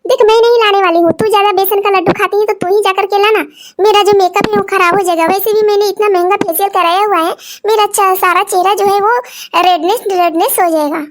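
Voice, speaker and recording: A woman's voice: very high voice, steady tone, a little fast. Woman voicing Jyoti, a sassy vain younger sister. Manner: sassy, mocking. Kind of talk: cartoon voice acting.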